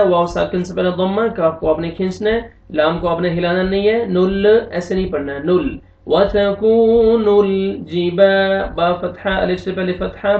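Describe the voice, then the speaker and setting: A man teaching Quran recitation, slowly spelling out syllables and chanting them, then explaining pronunciation briskly. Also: high voice. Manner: slow drawn-out recitation alternating with brisk explanations. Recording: tinny phone-like audio, roomy echo, distant from mic.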